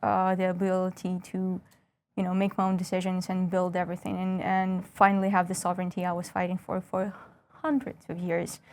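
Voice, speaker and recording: A woman's voice: lowish voice, creaky, darkish tone, slight background noise. A woman in her thirties from northwest Ukraine, a stand-up comedian with a Ukrainian accent, chatting as an interview guest with wry, self-mocking jokes. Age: 30s. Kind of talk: casual interview chat.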